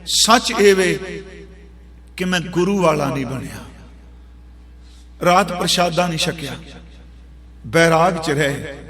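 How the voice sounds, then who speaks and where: A man voicing a humble old man of sixty, speaking low and pleading, in a religious storytelling talk. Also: slow, pauses often, fairly bright tone, big-room sound. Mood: grieving, humble. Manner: subdued, pleading.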